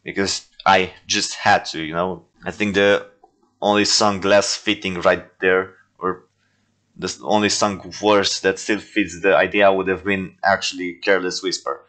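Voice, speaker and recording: A man's voice: low-pitched, level tone, unhurried, fairly bright tone. A man who makes stop-motion toy movies, commenting casually on his own old work in a rambling, self-deprecating, joking way.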